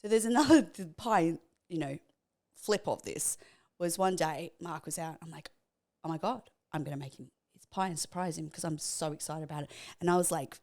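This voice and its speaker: A woman's voice: low voice, moderate pace, a little mellow. A woman guest in casual conversation, telling a story and acting out the voices of the people in it. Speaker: podcast guest. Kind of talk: casual chat.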